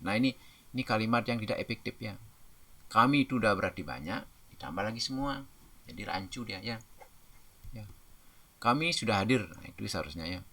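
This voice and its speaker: Low gravelly man teaching a lesson. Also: a bit bright. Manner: repetitive, reads word pairs slowly and restates points. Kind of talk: classroom-style grammar lesson.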